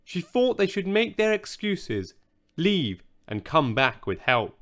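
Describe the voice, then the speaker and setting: A man narrating a children's bedtime story audiobook in a gentle, expressive way. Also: high-pitched, slow pace.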